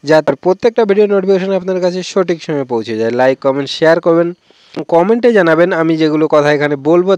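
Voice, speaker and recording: Male language tutor from Bengal, patient and repetitive, slightly high-pitched, dry close-miked sound. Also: darkish tone, smooth, dry recording. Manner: repetitive, keeps saying "okay friends". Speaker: language teacher. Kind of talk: YouTube language lesson.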